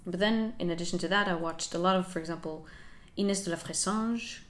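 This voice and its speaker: A young woman whose first language is Finnish hosts a casual talking-head vlog, talking through her learning journey for her channel. She's soft-spoken and reflective, with a slightly low voice and a brisk pace, laughing lightly as she goes.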